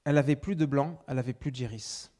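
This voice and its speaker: A man preaching, telling a personal testimony with many restarts, swinging between loud emphasis and hushed asides. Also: mid-range voice, quick pace.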